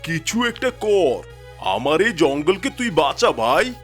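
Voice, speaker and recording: A man's voice: a little high, big pitch swings, unhurried. A man voicing a worried, emotional lion king of the jungle in a children's cartoon. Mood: pleading. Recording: loud music behind the voice.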